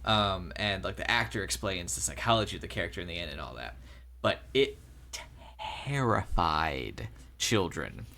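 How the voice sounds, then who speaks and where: A man's voice: deep voice, expressive, normal speed, vocal fry, bright, forceful tone. A man co-hosting a casual movie podcast, talking in a loose, rambling way with restarts and repeated words. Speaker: podcast co-host.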